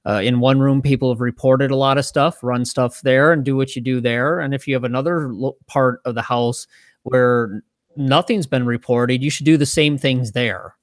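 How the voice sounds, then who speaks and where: A man co-hosting a podcast, explaining his points in a measured, relaxed way. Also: medium pitch, no room sound, clean studio sound. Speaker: podcast co-host. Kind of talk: casual podcast chat.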